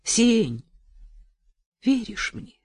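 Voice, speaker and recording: A woman's voice: fairly high pitch, very animated, extremely slow, darkish tone, husky, no echo, clean studio sound, voice pushed up, heavily acted. A woman reading an audiobook voices a young bride who mutters bitter, defiant thoughts and vows. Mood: vowing.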